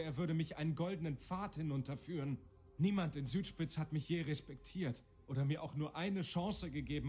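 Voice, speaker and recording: Higher-voiced aggrieved fallen nobleman. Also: darkish tone, slightly rough. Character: aggrieved fallen nobleman mayor, self-pitying, entitled. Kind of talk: video game character acting.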